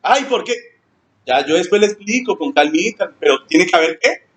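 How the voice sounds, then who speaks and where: A man preaching a sermon, his fairly high voice swooping up and down. He acts out church members in squeaky mocking tones, then drops low and slow for scripture. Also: animated, a bit bright, slightly rough. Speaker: pastor.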